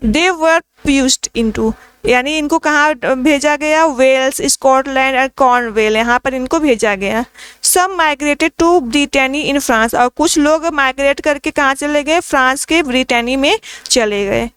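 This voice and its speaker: A woman with a high, bright-pitched voice teaches an exam-prep class in a patient, repetitive way. She poses questions to her students and answers them herself, now and then reading out English phrases. The sound is dry and close, with no room echo. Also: slow pace. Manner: asks questions and answers them herself, repeats key points; mixes English quotes into her explanation.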